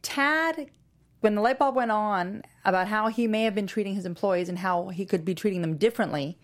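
A woman's voice: mid-range voice, fairly quick. A woman co-hosting a TV after-show, chatting casually and playfully. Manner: conversational, playful, many fillers. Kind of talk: casual chat.

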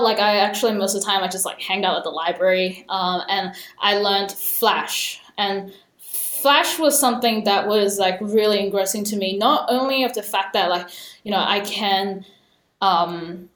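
A woman's voice: mid-range voice, echoey room. A young woman raised in Australia and Hong Kong, talking thoughtfully as an interview guest, with many fillers. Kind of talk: casual interview conversation.

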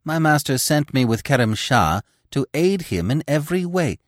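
A man's voice: a little high, big pitch swings, moderate pace, no room sound, studio quality, voice pushed up. A restrained, anxious servant sorcerer, voiced by a man. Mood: fearful. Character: reserved male servant magician, fearful of his masters.

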